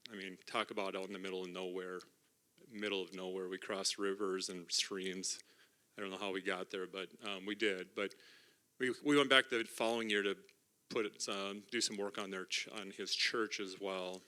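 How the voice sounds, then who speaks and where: A middle-aged man speaking from the front of a church, earnest and a little halting as he reads his testimony from notes. His voice sits low but rings bright and forward. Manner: earnest, halting, with fillers and restarts. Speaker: mission trip team member sharing testimony. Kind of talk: emotional church testimony, partly read from notes. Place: church sanctuary.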